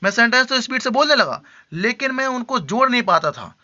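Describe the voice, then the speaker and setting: Bright-voiced man teaching English, lo-fi. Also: very high voice, lively intonation. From India. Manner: explains patiently, with frequent check-ins and slow repeated example sentences. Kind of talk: Hindi-language English lesson. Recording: dull lo-fi recording.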